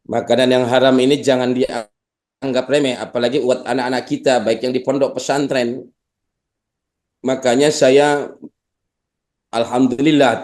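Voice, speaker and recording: A man preaching a sermon with an Indonesian accent, lively and humorous, weaving in Arabic phrases. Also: medium pitch.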